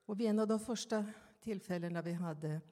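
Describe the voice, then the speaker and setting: A woman preaching a sermon, slow and reflective, with pauses and questions put to her listeners. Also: mid-range voice, dark tone, big-room sound. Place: church.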